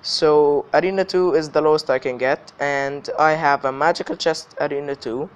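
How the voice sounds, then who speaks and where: A man's voice: fairly high pitch, steady tone, normal speed, smooth. A man hosting a gaming video with casual gameplay commentary, his voice slightly affected by illness. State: slightly ill voice.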